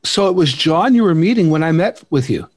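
Eager male interviewer, somewhat high voice, stumbling restarts. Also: expressive, slight background noise. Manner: eager, halting, many restarts. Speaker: podcast host. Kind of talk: casual interview chat.

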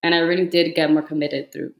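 Speaking quickly in a deep voice with little pitch movement, this twenty-something fitness influencer from Cuba is a guest on a podcast. She keeps it casual, leaning on "like" often, and a slight Cuban Spanish accent colors her speech.

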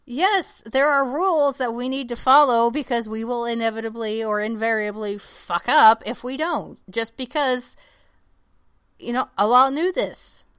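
Smooth-voiced frank woman podcaster. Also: on the high side, measured pace, fairly bright tone, dry recording, studio quality. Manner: emphatic, frank, swears casually. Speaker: podcast co-host. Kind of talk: casual podcast chat.

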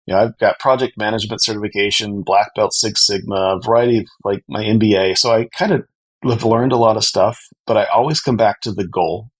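A man's voice: fairly low pitch, slightly rough, poor audio. A man speaking as an expert podcast guest, explaining things earnestly and conversationally. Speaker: podcast guest, company co-founder.

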